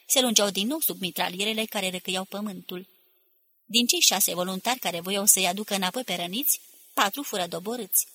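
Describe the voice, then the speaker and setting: A woman narrates a war novel as an audiobook, reading with dramatic intensity. Her voice is bright and sharp-edged. It carries a husky, breathy grain. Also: medium pitch.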